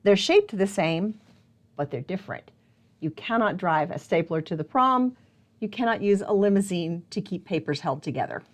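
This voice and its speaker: A children's librarian reads a picture book to young kids at normal speed, her lower voice lively in intonation. She speaks close to a camera, with a little hiss or hum, playfully prompting questions and exclaiming with wonder.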